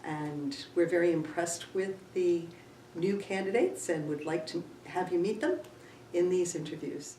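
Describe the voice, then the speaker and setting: A woman interviews local candidates for town office in a gracious, complimentary manner. Her low, mellow voice is picked up from across a library room. It echoes and carries a faint hum. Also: lively intonation, far from the mic. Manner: gracious, complimentary, slow-paced.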